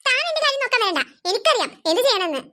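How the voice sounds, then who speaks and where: A woman's voice: very high voice, big pitch swings, very fast, sharp tone, full character voice. A woman voicing a rude, snappy little schoolgirl in a cartoon, huffy and dismissive. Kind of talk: cartoon voice acting.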